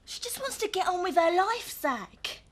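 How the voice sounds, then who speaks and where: A woman's voice: very high voice, sing-song, moderate pace. A young actress playing a young woman standing up for her friend, pleading and cheeky. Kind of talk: television soap drama.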